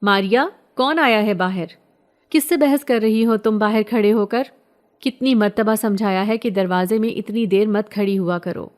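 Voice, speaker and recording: A woman voicing a brisk, scolding middle-aged aunt. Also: medium pitch, close to an everyday voice.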